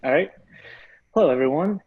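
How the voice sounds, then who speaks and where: Young male student, science presentation, methodical step-by-step delivery, rough-edged voice, muffled video-call audio. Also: a little high, expressive, brisk. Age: young adult. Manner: formal, methodical, signposting each point. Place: indoor room, on a video call. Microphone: video call microphone.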